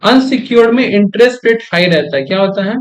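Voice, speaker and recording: A young male commerce teacher with a high-pitched voice gives a lecture. He keeps pausing to ask the class quick check questions and repeats the key terms back for emphasis. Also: lively intonation.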